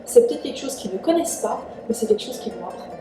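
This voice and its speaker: A woman's voice: sits high, expressive, fast talker, noisy background. A young woman born in Iran, giving chatty, earnest relationship advice in a casual vlog. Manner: earnest, chatty, frequent "en fait". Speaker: vlogger. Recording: echoey room, distant mic, faint music.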